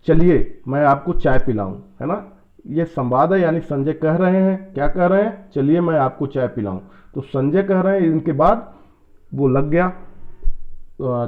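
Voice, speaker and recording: A man with a somewhat high voice teaches a grammar lesson for exam students. He explains each point step by step and keeps checking that his listeners follow. He reads out the example sentences in a changed tone, and the sound is thin and tinny, like a phone line. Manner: explains step by step, often asks "है ना?" and "क्या लग गया?".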